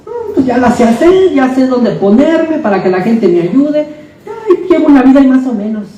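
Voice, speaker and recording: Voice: high-pitched, very animated, normal speed, dark tone, very echoey, highs cut off, slight background noise. A preacher voicing a complacent blind male beggar who grumbles lazily, content with his lot. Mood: smug.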